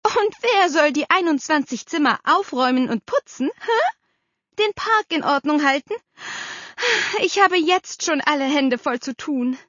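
Bossy high-pitched aunt, woman putting her on, emphatic, bouncy, a bit dull and dry. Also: big pitch swings, measured pace, a bit bright, no room sound, exaggerated voice. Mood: scolding. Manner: emphatic, scolding. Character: brisk bossy middle-aged aunt. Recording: slightly dull dry recording.

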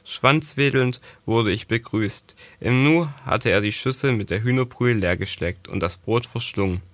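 A man calmly narrating a first-person storybook on a close mic. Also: medium pitch, normal speed, dry recording. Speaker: audiobook narrator.

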